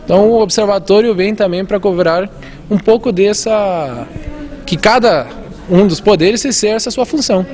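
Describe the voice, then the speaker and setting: Here a man raised in Argentina, representing a civic watchdog, gives interview answers explaining civic oversight. He sounds earnest and explanatory, his high, slightly mellow voice moving at a moderate pace through frequent restarts and fillers.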